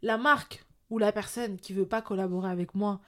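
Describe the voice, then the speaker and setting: A woman's voice: mid-range voice, steady tone, fairly quick. A French woman speaks candidly as an interview guest. Her talk is loose and conversational, full of small fillers and restarts. She sounds open and talkative. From France. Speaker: guest, entrepreneur and influencer. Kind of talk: casual interview chat.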